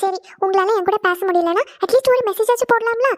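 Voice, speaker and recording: A woman voicing a spoiled young bride from a rich family in a cartoon, talking quick and pouty. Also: very high-pitched, no room sound. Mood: sulking. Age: young adult. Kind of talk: cartoon voice acting.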